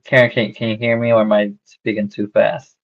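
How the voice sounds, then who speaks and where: Male wholesaler, gravelly voice, halting filler-laden phone pitch, dull lo-fi line. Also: little pitch movement. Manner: halting, filler-heavy, restarts sentences. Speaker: real estate wholesaler cold-calling a seller. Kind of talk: casual sales phone call. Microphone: phone call. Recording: dull lo-fi call recording.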